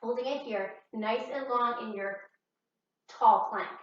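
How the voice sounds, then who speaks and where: A woman's voice: fairly high pitch, a little slow. Echoey, soothing woman yoga teacher. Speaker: yoga and pilates class instructor. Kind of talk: guided exercise class instruction. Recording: echoey room, distant mic, muffled, faint noise.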